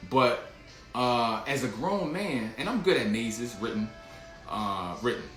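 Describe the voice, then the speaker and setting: A man with a bright, forceful voice hosts a casual livestream, rambling through a story in loose slang, restarting his sentences and breaking into laughter. He speaks at a middling pitch for a man. His voice sits in a roomy, echoing space with faint music playing underneath. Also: sing-song, a little slow. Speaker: livestream host.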